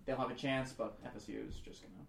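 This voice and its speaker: A young man co-hosting a casual sports chat, quick to flare up in mock outrage. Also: mid-range voice, fairly even intonation, creaky, slight background noise. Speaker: co-host. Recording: echoey room, voice from off-mic.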